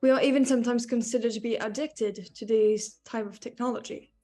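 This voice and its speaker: Young woman from France, student panelist, higher voice, reads prepared points. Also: fairly even intonation, a little fast, mellow. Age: young adult. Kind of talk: student podcast, read from notes.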